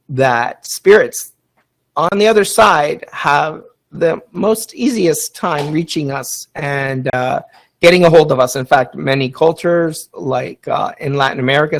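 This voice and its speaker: A man hosting a casual live podcast, enthusiastic and rambling with many ums and uhs. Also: a little high. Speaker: podcast host.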